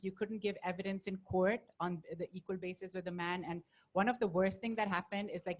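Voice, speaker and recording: A middle-aged woman from Pakistan, speaking on a panel before an audience, telling her story earnestly into a handheld mic. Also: medium pitch. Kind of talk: panel talk. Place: event space with audience.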